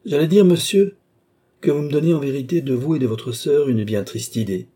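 A man reading an audiobook, voicing a proud, tired count who speaks with calm, disdainful haughtiness. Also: mid-range voice, normal speed, slightly rough, close to an everyday voice. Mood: scornful.

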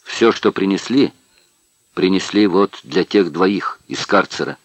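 A man doing a calm, firm fellow prisoner. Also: sits low, unhurried, no echo. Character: steady older male prisoner, caring.

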